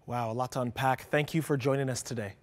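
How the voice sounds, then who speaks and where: A man's voice: medium pitch, fairly even intonation, fast talker, dry recording. A man hosting a news program, narrating a report and formally questioning a guest.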